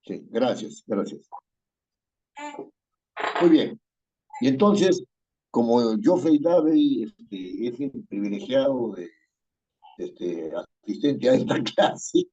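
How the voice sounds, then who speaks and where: A male writing teacher leads an online class with a mellow, slightly husky voice. He reads a passage aloud, names every comma and accent mark, and keeps asking his students to confirm. The sound is dull and lo-fi, like a video call. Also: mid-range voice, lively intonation, slow, long pauses. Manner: dictates punctuation aloud, checks with "¿no es cierto?". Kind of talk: online class, reading and correcting a text.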